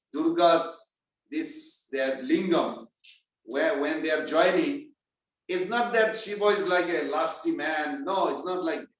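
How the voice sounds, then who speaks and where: A man giving a scripture class, talking casually, quizzing his listeners and chanting verses. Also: high-pitched. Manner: conversational, quizzes the audience. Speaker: spiritual class speaker. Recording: echoey room, mic far off.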